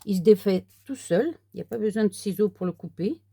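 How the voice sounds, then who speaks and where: A woman talking viewers through a paper craft kit in a relaxed, unhurried way, handling the pieces as she speaks. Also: mid-range voice, gravelly, slightly rough, no room sound. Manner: soft, unhurried, talks while working with paper. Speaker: crafter demonstrating a card kit. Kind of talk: casual crafting tutorial.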